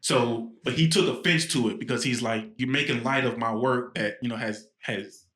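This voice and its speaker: A man's voice: mid-range voice, normal speed, fairly bright tone. A man co-hosting a podcast, telling a story in a rambling, casual way with many fillers and restarts. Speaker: podcast co-host.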